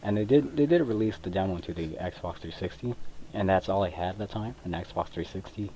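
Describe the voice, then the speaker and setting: On poor audio from a cheap computer mic, a young gaming video creator from Mexico chats over his gameplay, rambling and hesitant with many fillers. He has a low-pitched, warm voice and a brisk pace, with controller clicks audible.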